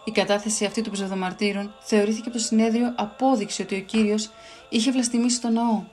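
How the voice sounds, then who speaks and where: A woman reading a Bible story aloud for children in a clear, expressive storytelling voice. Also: medium pitch, soft background music.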